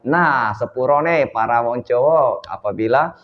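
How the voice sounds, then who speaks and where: A male vocal coach gives an unhurried lesson in a large hall, frequently asking "ya kan?" and breaking into brief sung demonstrations. He has a mid-range voice, and the sound quality is lo-fi.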